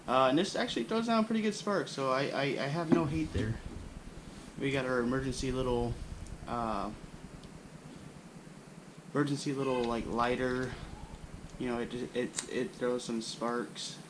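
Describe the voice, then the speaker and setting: A young man shows his camping gear for his bushcraft channel in a relaxed, casual show-and-tell, rambling with lots of fillers. He's in a small room with a wooden floor, recorded on the camera mic, and his mid-range voice goes at normal speed with long pauses against a noisy background.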